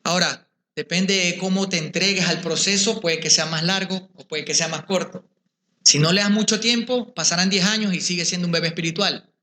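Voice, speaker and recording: At a symposium venue with echoey room sound, a man with a high, bright, forceful voice preaches a fairly quick lecture to pastors. As a conference speaker, he poses rhetorical questions and addresses his listeners directly.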